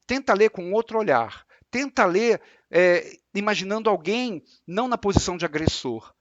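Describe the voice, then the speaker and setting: A man with a Brazilian Portuguese accent giving a spiritual lecture, explaining calmly and repeating his points with examples. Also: sits high, moderate pace, no room sound, lo-fi sound. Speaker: religious lecturer.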